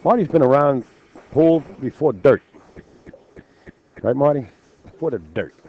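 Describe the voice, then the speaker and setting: A man's voice: mid-range voice, a little slow. A man doing play-by-play commentary on a pool match, calling the score and bantering with jokes. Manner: joking, calls the score and banters. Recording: dull lo-fi stream audio with faint noise.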